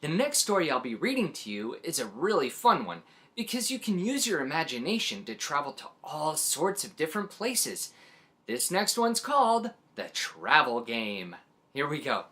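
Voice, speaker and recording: A children's story reader and host, a woman with a low-sitting voice, reads a story aloud to young children at a moderate pace. Her delivery is animated and expressive, sprinkled with little exclamations.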